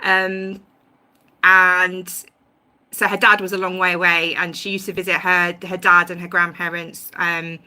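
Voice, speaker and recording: A YouTube livestream host with a fairly low, resonant voice talks unhurriedly over her home mic, with little pitch movement and a bright, forceful, clear tone. In this casual stream she rambles about her views, full of ums and restarts, and knows she's wandering onto tangents.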